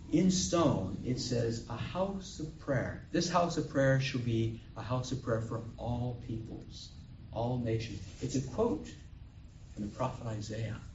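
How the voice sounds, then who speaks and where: A priest with a mid-range voice gives a homily at Mass in a chapel or church, telling a story and acting out the voices he quotes. The recording is echoey and dull, captured by a distant mic with noise in the background.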